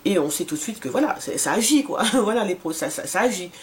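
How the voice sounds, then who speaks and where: A woman's voice: mid-range voice, animated, quick pace, a little mellow. A woman in her forties casually reviewing a skincare serum for her vlog, talking with many fillers and restarts. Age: 40s. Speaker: beauty vlogger.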